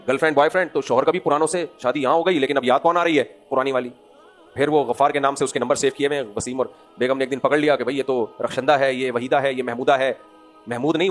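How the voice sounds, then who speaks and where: A man with a Pakistani Urdu accent giving a religious lecture to an audience. He preaches with animation, pushing out emphatic rhetorical questions and then dropping into low asides. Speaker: Islamic scholar giving a lecture.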